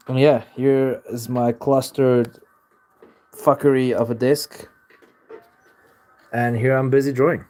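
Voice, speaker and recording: Here the young man speaks slowly with long pauses, his medium-pitched voice steady and a bit mellow. He's an artist livestreaming from his home studio, responding to viewers in a loose, profane, rambling way full of "like."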